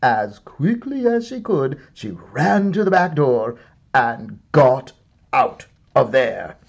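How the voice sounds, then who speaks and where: A man reads a children's story aloud as an expressive narrator, theatrical and deliberate with comic timing. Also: medium pitch, vocal fry, muffled recording. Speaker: storybook reader, art and stories teacher.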